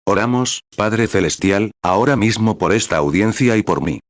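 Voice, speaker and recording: Solemn deep-voiced man preaching. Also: expressive, normal speed, no echo, studio quality. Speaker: preacher's voice-over translator. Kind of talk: reading a translated sermon.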